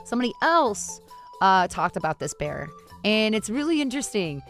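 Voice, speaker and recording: A woman's voice: mid-range voice, very animated, a bit bright, faint music behind. A woman livestreamer giving casual, slangy reaction commentary in an informal, exclaiming way. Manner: drawn-out amused exclamations, informal slangy talk. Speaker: streamer reacting to a video.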